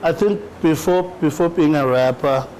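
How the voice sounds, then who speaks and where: A man's voice: fairly high pitch, moderate pace, a little mellow, a little hiss or hum, low-quality recording. A South African man in his thirties, a rapper and actor, talking easily in a podcast interview and often repeating words and saying "you know". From South Africa, Eastern Cape.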